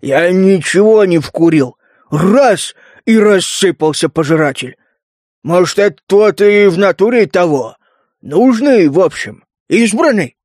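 A man voicing a crooked, lopsided male mutant who mumbles slowly in rough slang. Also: high voice, animated, darkish tone, dry recording, studio quality. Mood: wondering.

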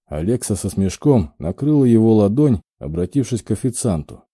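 Male audiobook reader, expressive and varied, dry close sound. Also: lowish voice, normal speed, breathy edge, no room sound. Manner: expressive storytelling. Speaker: audiobook narrator. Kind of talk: scripted narration.

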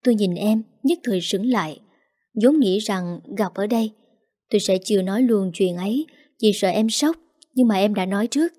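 A woman's voice: medium pitch, normal speed, mellow. A woman narrating a first-person audio story with an emotional, heartfelt manner.

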